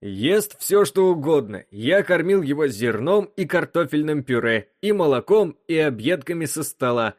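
A man's voice: animated, normal speed, hardly any pauses, dry recording, studio quality, lightly acted. A man doing a nervous young crewman. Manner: eager, nervous, higher voice.

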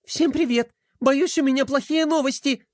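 A man voicing a small, excitable princess girl who chatters breathlessly and fast. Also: very high voice, dry recording, clean studio sound, voice pushed up. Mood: anxious.

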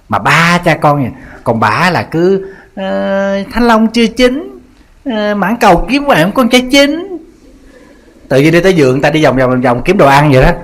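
A Buddhist monk with a Southern Vietnamese accent, giving a humorous sermon in a lively, teasing storytelling style. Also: male voice, medium pitch.

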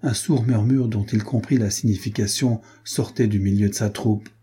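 Deep, very husky male narrator. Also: steady tone, normal speed, dark tone. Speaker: audiobook narrator. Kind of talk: scripted novel narration.

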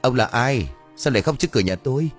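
A man voicing a frightened young village man who asks quick, agitated questions. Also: mid-range voice, animated, faint music behind, pitched above the performer's own voice, natural voice. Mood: suspicious.

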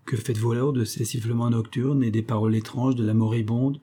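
A man's voice: mid-range voice, level tone, fast talker, mellow, slightly rough, natural voice. A man voicing a skeptical male companion who asks questions, in an audiobook reading. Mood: doubtful. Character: doubtful adult male companion, plain-spoken.

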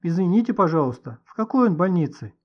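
A man's voice: sits high, very animated, fast talker, lo-fi sound. A man doing a polite teenage boy. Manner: polite, earnest.

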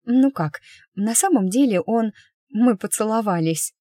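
A woman voicing an excitable young heroine. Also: fairly high pitch, measured pace, dry recording, clean studio sound, voice pushed up. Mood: giddy. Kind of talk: audiobook character voice.

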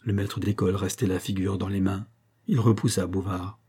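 A male audiobook narrator reads a classic novel in steady, literary phrasing. His voice sits low, dark and mellow in tone, and carries a slightly husky grain. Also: moderate pace. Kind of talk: scripted narration.

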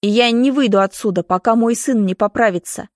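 A woman's voice: fairly high pitch, brisk, no echo, studio quality, close to an everyday voice. A woman reading an audiobook, voicing an anxious middle-aged mother who speaks emotionally and pleadingly. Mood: reproachful.

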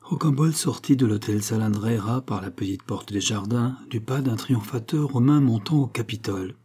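Brief: male narrator for a classic adventure novel, mellow and husky, steady pace. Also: medium pitch, normal speed. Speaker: audiobook narrator. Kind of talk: scripted narration.

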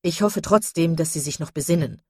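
A woman voicing a hearty, insistent country gentleman in a read-aloud novel, calling out loudly. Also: low voice, fairly quick, husky, dry recording, clean studio sound. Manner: loud, insistent.

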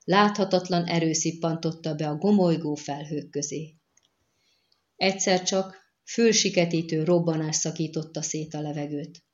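Low-voiced woman narrating an audiobook. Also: steady tone, a little mellow, muffled recording. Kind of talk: scripted narration of a fantasy novel.

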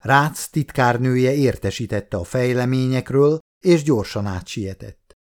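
Male audiobook narrator, steady reading. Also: mid-range voice. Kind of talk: scripted narration.

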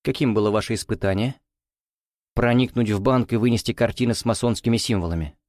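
A man's voice: mid-range voice, fast talker, darkish tone, no echo, studio quality, lightly acted. Man doing a smug secret-order boss, drawling and mocking, audiobook. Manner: reproachful drawl, condescending. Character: suave, smug male lodge commander, mocking.

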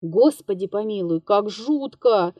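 A woman voicing a frightened, maudlin drunken old male comic actor of fifty-eight in a literary audiobook, muttering, shouting in terror and whimpering. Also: mid-range voice, animated, unhurried, dry recording, lo-fi sound. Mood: fearful grumbling. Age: 58 (figure).

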